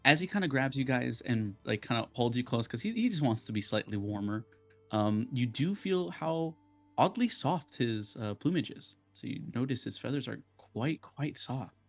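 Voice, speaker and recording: A man's voice: mid-range voice, animated, moderate pace, soft background music. A man narrating as game master for a tabletop game, teasing his players and laughing often.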